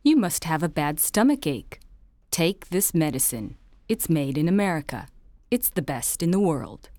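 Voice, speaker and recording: Unbothered practical mom, guy doing a higher voice, matter-of-fact, dry sound. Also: very animated, normal speed, darkish tone, no echo. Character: calm, practical middle-aged American mother.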